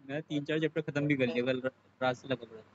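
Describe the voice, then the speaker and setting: A young man streaming a mobile game with friends, chatting excitedly and often exclaiming. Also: mid-range voice, quick pace. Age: young adult. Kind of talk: casual gaming banter. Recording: muffled stream audio with loud noise.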